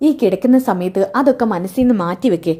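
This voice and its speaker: A woman voicing a married man who calmly reassures his wife and worries about his brother. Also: mid-range voice, quick pace, close to an everyday voice. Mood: concerned.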